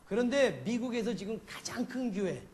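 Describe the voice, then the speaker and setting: A man's voice: extremely high pitch, expressive, normal speed, a little mellow. A male pastor from South Korea preaching a sermon, telling a homely story and peppering the congregation with rhetorical questions.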